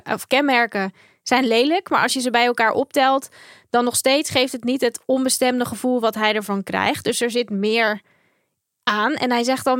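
A woman's voice: on the high side, no echo, clean studio sound. A woman hosting a book discussion, explaining with some hesitant fillers. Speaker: podcast host.

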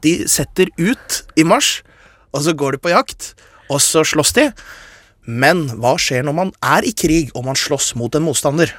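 A man's voice: fairly high pitch, animated, a bit bright, no room sound, clean studio sound. A man hosting a radio show, explaining science in a casual chat and getting carried away with enthusiasm. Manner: enthusiastic, gets carried away and talks fast.

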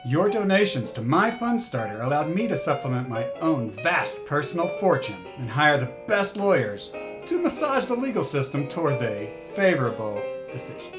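A smug, boastful billionaire. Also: male voice, big pitch swings, moderate pace. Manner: grandiose, showy pitchman delivery. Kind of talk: comedic fake radio ad. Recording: guitar music bed under voice.

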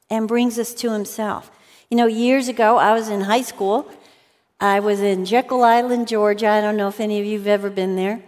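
A woman's voice: mid-range voice, darkish tone. A woman teaching a Bible lesson in a large hall, earnest and storytelling, sometimes acting out quotes. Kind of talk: sermon talk with personal stories. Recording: long hall reverb.

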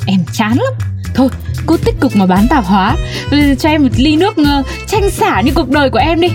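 Fast-talking high-voiced woman. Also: big pitch swings. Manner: cheerful, chatty. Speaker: neighbor customer in a comedy skit. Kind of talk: comedy skit acting. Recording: faint music underneath.

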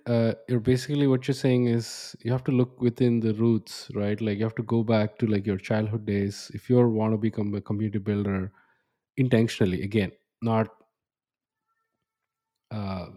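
A man's voice: lowish voice, fairly even intonation, normal speed, warm tone. A man in his thirties hosting a podcast, talking in a reflective, rambling way with restarts. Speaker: podcast host. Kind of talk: casual interview chat.

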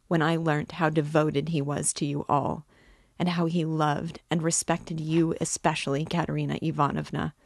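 A woman's voice: low-pitched, gravelly, no room sound, full character voice. Woman narrator doing a polite earnest young guy, dry close sound. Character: earnest young man offering help.

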